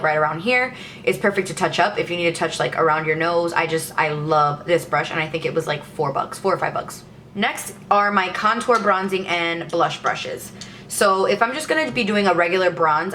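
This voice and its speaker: Casting: young female beauty vlogger, lower register, chatty and upbeat, faint hiss behind. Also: fairly bright tone. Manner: chatty and enthusiastic. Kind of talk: casual makeup tutorial.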